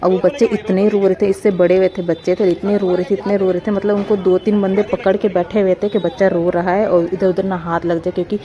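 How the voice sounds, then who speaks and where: A woman's voice: mid-range voice, flat delivery, fairly quick, few pauses, muffled recording. A young woman vlogger telling viewers a heartfelt story in a rambling, casual way, often calling them guys. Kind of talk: emotional casual vlog narration.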